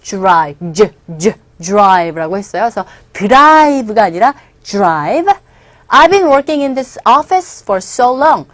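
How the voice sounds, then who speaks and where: Lively woman teaching English phrases. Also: medium pitch, no room sound. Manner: lively, animated explaining with drawn-out English example phrases. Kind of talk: online language lesson.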